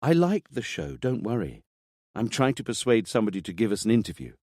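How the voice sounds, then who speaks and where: A man voicing a sharp, sarcastic female TV journalist with a dry manner. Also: medium pitch, sing-song, brisk, dry recording.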